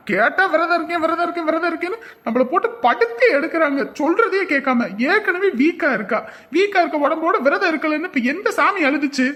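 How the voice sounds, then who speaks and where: A fretful young village husband in a cartoon, voiced by a woman, exasperated and pleading by turns. The voice is fairly high for a man. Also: a bit bright. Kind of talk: cartoon voice acting.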